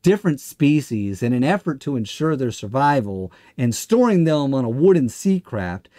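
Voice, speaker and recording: Middle-aged man, smug and sarcastic, lively swooping intonation, emphatic explaining, dry close studio sound, online commentary monologue. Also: a little high, no echo. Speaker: livestream host and commentator. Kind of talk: scripted monologue rebuttal to camera. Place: small indoor studio.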